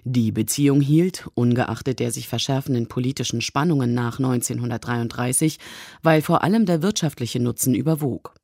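A man's voice: mid-range voice, moderate pace, vocal fry, darkish tone, no room sound, studio quality. A man reading non-fiction book excerpts aloud as scripted radio narration.

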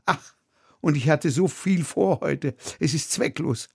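A man's voice: a little slow, gravelly, darkish tone, breathy edge, exaggerated voice. A man reading aloud from his book, putting on an irate elderly male theatre director who repeats his questions. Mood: weary. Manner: furious, shrill, repeats questions.

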